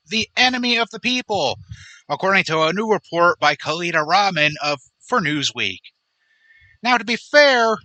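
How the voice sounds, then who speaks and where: Sarcastic, bright-voiced podcast host man. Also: high-pitched, dry recording, rough recording. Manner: sarcastic, indignant. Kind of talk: political commentary podcast.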